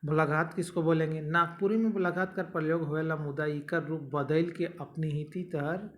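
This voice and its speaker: Young guy w teaching exam grammar, kinda high voice, goes step by step. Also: steady tone, normal speed, fairly bright tone. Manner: explains step by step, repeating and checking "ठीक है". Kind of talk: exam-prep grammar lesson.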